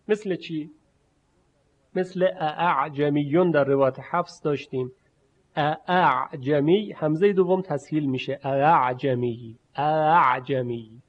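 A man teaching a spoken lesson who explains patiently and then slowly says sounds aloud as examples. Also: a little high. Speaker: recitation teacher. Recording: muffled lo-fi recording.

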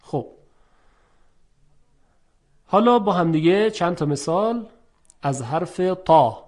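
A man teaching Quranic letter pronunciation in a formal, polite tone, stretching out model words slowly between brisk explanations. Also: a little high, animated, darkish tone. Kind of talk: recitation lesson.

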